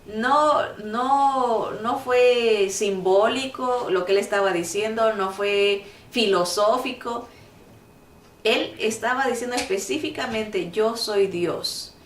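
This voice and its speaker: Slow, emphatic woman teaching a Bible lesson. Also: on the high side, a little hiss or hum. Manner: earnest, emphatic, repeats points. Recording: echoey room, mic at a distance.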